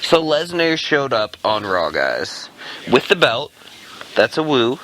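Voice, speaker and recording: Lively, animated bright-voiced guy. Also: mid-range voice, a little hiss or hum, poor audio. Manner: animated, profane, quick to argue back. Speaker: podcast co-host steering the segments. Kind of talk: casual wrestling podcast chat.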